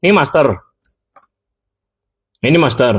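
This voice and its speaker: Slowing down, the man selling intercoms speaks at a medium pitch with an expressive, breathy edge. His tutorial stays casual and conversational, aimed right at viewers, with frequent self-corrections.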